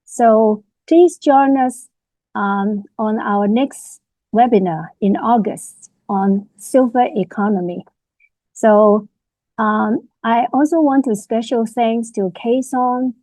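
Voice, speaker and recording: A woman's voice: medium pitch, warm tone, no echo, low-quality recording. A woman moderating a webinar on a video call, closing with thanks and frequent "you know" fillers.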